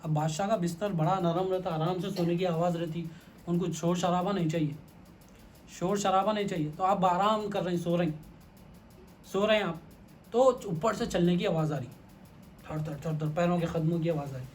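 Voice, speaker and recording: A high-voiced man delivers a religious lecture as a story. He speaks colloquially and repeats his phrases. Faint background hiss sits under his voice. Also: steady tone.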